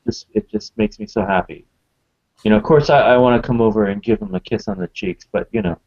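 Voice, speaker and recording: Man speaking tenderly and haltingly in a group exercise; muffled, lo-fi recording. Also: fairly low pitch, darkish tone, dry recording. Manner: halting, tender, repeats words. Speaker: group participant standing in for a mother. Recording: dull lo-fi sound.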